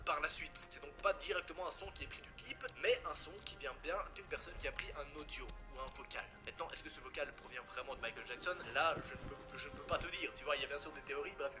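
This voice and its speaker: This French narrator's voice is a little high, and he speaks quickly with few pauses, music playing in the background. His creepypasta telling is casual, peppered with jokes and swearing aimed at the viewer.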